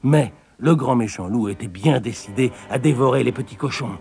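A man reading a fairy tale aloud, with expressive storytelling. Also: medium pitch, moderate pace, creaky, faint music behind.

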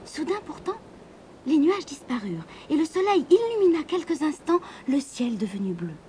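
A woman reading a storybook aloud in an expressive, dramatic way, sometimes dropping to a whisper. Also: high voice, normal speed, slight background noise.

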